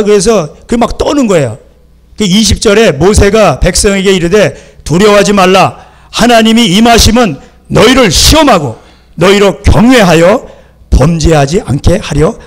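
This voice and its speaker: A male pastor delivers a sermon, his voice sitting high for a man. He talks in a lively, conversational way and often stops to check that the congregation is following. Now and then he slips into acting out a stern parent. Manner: lively, acts out scolding parents. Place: church sanctuary.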